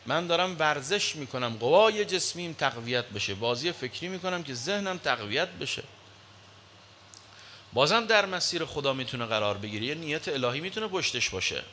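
A man preaching a sermon in an animated way, dropping to low murmurs and rising to loud exclamations. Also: a little hiss or hum.

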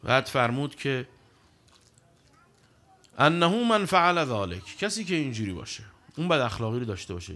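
A middle-aged man preaching a sermon in an animated, emphatic way, reciting scripture passages between his own explanations. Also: mid-range voice.

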